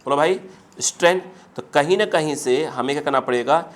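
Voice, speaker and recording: A man teaches physics to a class, his voice sitting a little high. He dictates problems slowly, then explains in a quick, chatty way. A faint room noise runs underneath. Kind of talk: classroom lecture.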